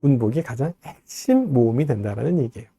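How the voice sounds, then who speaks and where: A man giving a recorded lecture, explaining step by step and slowly modeling pronunciations. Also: mid-range voice, lively intonation, warm tone, husky, dry recording, studio quality.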